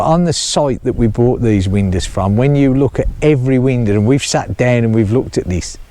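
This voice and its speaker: A middle-aged man vlogging his chalet build speaks to camera outdoors in a warm, mid-range voice, recorded dry. He chats casually, rambling and laughing often as he explains the construction.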